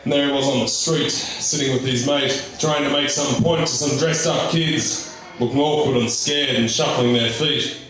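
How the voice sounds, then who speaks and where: A man's voice: mid-range voice, fairly even intonation, moderate pace, a bit bright. A man performing slam poetry, telling a story in a theatrical, rhythmic delivery. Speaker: slam poet, competitor. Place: live event in a reverberant venue. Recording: very echoey hall, distant microphone.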